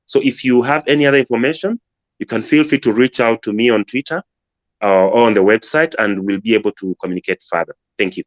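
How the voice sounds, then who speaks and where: A man's voice: mid-range voice, fast talker, no room sound. A man from Uganda, a guest speaker explaining his farm app in an earnest way with many restarts. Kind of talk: casual pitch on a live audio room.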